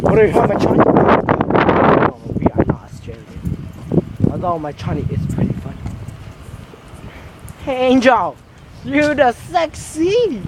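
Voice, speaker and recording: A man's voice: on the high side, expressive, moderate pace. A goofy, joking, sweary young man chatting casually for an outdoor vlog, with wind on the mic. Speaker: vlogger. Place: outdoors on a windy street. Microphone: handheld camera at arm's length. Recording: loud wind noise on mic.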